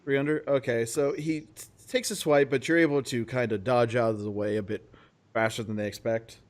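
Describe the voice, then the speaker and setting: A man's voice: medium pitch, fairly even intonation, brisk. A man running a tabletop game as game master, narrating loosely with fillers and chuckles.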